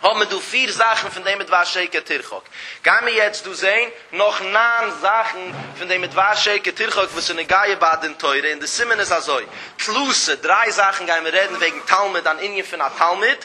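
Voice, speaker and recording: A man giving a traditional religious text lecture as a teacher, reciting short phrases of the text and then explaining them with animated, rising emphasis. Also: high-pitched, normal speed.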